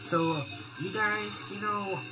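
A woman giving casual gameplay commentary at home, excitable and taunting, squealing and rambling through apologies. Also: mid-range voice, takes it slowly. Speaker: gameplay channel host. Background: game music.

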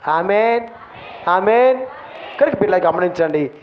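Male pastor, sermon, high voice, dull lo-fi sound, faint room noise. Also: animated, a little slow. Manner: impassioned, swings to shouting and drops to soft asides.

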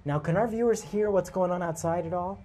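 A man's voice: high voice, a little fast, warm tone. A man hosting live parade commentary from a TV studio, upbeat and playful. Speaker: host. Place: TV studio overlooking the street.

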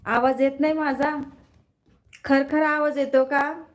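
A woman's voice: high-pitched, fairly even intonation, takes it slowly, poor audio. A woman hosting a casual live stream from her phone, greeting viewers by name, reading their comments aloud and checking that her sound comes through.

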